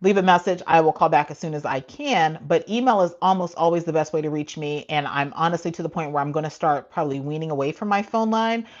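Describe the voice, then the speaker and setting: A woman's voice: sits low, fast, few pauses, muffled recording. A woman running a casual live-stream Q&A as a cruise travel agent, talking frankly with many asides and frequent laughs.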